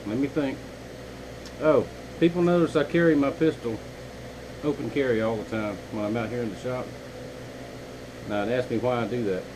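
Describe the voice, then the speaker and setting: A man's voice: mid-range voice, moderate pace, long pauses, noisy background. A man, a knifemaker chatting casually and folksily to his viewers from his home workshop. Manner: rambling, folksy, talks to viewers as y'all. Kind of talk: casual vlog chat.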